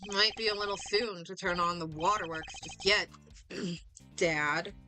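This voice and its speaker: A woman voicing a composed male prosecutor who speaks in a measured, dry way. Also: on the low side, steady tone, sharp tone, soft background music, voice pushed down. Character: cool, sharp male prosecutor.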